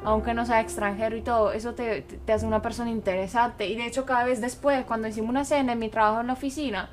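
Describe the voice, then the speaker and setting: A woman's voice: a little high, steady tone, fast, soft background music. A woman from Italy, speaking Spanish with an Italian accent, candidly telling a personal story as a guest.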